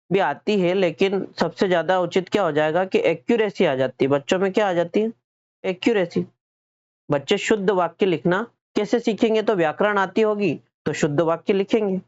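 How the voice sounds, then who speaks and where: A man's voice: sits high, no room sound, muffled recording. Man teaching an exam-prep lesson. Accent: Hindi. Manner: explains step by step, repeating and self-correcting; asks questions then answers them.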